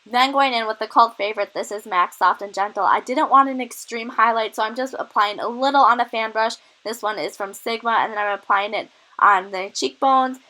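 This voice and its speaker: A woman's voice: a little high, pushed and bright, low-quality recording. A young woman with a cold, a little out of breath, chatting enthusiastically through a makeup tutorial as a beauty vlogger. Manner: chatty, enthusiastic product tips.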